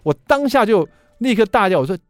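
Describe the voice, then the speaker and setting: A middle-aged man, a radio show host telling a funny story about himself in an animated way. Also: high voice, a little fast, dry recording. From Taiwan. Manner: animated, self-mocking anecdote telling. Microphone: studio microphone.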